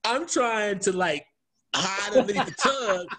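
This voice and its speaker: A man's voice: high-pitched, lively intonation, measured pace, over a noisy crowd. A man co-hosting a casual group chat, telling a childhood story with lots of laughter. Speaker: podcast co-host.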